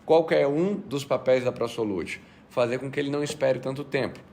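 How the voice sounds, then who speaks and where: A man from Bahia, a slightly hoarse guest on a podcast, explaining finance step by step. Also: mid-range voice, brisk, a little mellow, a little hiss or hum. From Bahia, Brazil. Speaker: guest, fintech manager.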